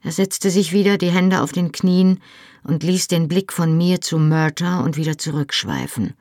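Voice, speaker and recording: A reader narrating a novel in the first person with measured storytelling. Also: female voice, fairly low pitch, a little mellow, no room sound, clean studio sound. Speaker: audiobook narrator.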